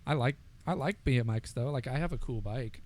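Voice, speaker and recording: A man's voice: medium pitch, fairly quick, a little mellow. A young American man co-hosting a podcast in casual banter, with a wry, self-deprecating bro way of talking. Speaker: podcast co-host.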